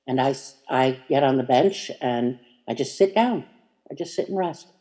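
A minister giving a reflective spiritual talk, meandering and hesitant with many fillers and restarts, gentle and inviting. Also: medium pitch, lively intonation, moderate pace.

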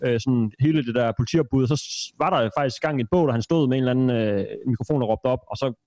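A man co-hosting a podcast in casual chat, telling stories about himself in a self-mocking way with halting restarts. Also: medium pitch, a little mellow, no room sound. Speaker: podcast co-host.

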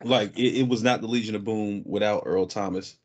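A man co-hosting a casual podcast, talking excitably and jumping between topics. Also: on the low side, brisk, slightly rough, dull audio. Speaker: podcast co-host. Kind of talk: casual chat.

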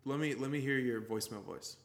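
A man's voice: mid-range voice, fairly quick. A young man co-hosting a casual chat, teasing his friend, laughing often and swearing freely. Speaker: podcast co-host.

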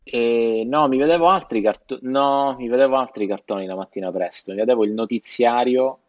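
A man's voice: medium pitch, brisk, no room sound, dull audio. A man with a Sicilian accent, co-hosting a podcast in slangy, profane, joking casual chat. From Sicily, Italy. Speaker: podcast co-host.

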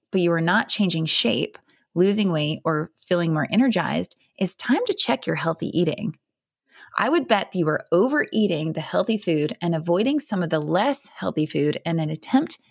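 A woman's voice: lowish voice, creaky, dry recording, clean studio sound. A woman coach giving scripted advice straight to the listener in an upbeat, tidy, emphatic way. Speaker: health and fat loss coach, host.

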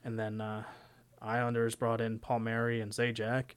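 A man's voice: mid-range voice, completely flat delivery, moderate pace, smooth. A young man co-hosting a sports podcast, talking casually and rambling with lots of "you know". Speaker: podcast co-host.

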